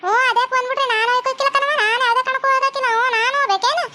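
A woman's voice: very high voice, steady tone, racing, bright, forceful tone, exaggerated voice. A woman with a North Karnataka Kannada accent voicing a stubborn, sweet-talking young daughter-in-law in a cartoon comedy. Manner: whiny, stubborn, coaxing.

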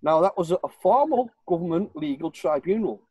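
Poor, dry audio captures an older northern English man from Warrington, a guest on a video call using the webcam in his living room. His voice is on the high side yet dark in tone, slightly rough, brisk and expressive. He is emphatic and insistent, going back over the same points again and again.

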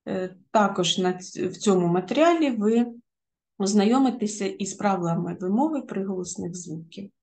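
A woman's voice: mid-range voice, animated, normal speed, vocal fry, a little mellow. A middle-aged woman co-author and teacher giving an exam-prep lesson, explaining step by step with frequent hesitation fillers.

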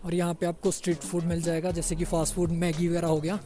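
A young travel vlogger gives a chatty walking-tour commentary outdoors on a busy street, saying "yaar" a lot and mixing in English words. He talks fast and in a monotone, with a fairly high pitch and dark tone, over soft background music.

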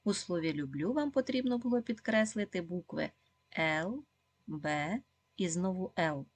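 Female primary teacher, low husky voice, dry close sound, patient encouraging delivery. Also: no echo. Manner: slow, clear, encouraging, with frequent praise and questions to pupils. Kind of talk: video lesson for second graders.

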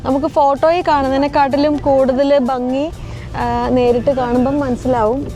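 A woman chatting casually for a travel vlog, excitable and exclaiming, mixing Malayalam with English words. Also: high-pitched, moderate pace, soft background music. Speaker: travel vlogger.

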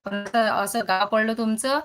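A woman's voice: on the high side, steady tone, moderate pace, a bit bright. A woman, hosting a casual phone live stream, chatting and greeting viewers by name as she reads their comments.

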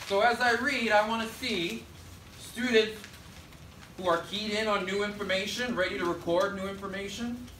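The man's high-pitched voice sounds pushed and bright as he teaches third grade, projecting commands and short prompts and leading call-and-response. It's an indoor school classroom, recorded by a distant camera at the back, echoey and faintly noisy.

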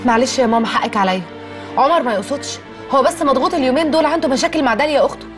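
An actress playing a young Egyptian wife who talks in a chatty, coaxing way. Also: female voice, sits high, racing, over loud music, natural voice. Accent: Egyptian Arabic.

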